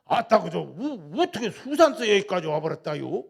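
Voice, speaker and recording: A man voicing a chummy, excitable Jeolla landowner who drawls in a familiar way. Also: normal speed, gravelly, breathy edge, exaggerated voice. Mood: surprised. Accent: Jeolla dialect. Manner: loud, high, drawling and familiar.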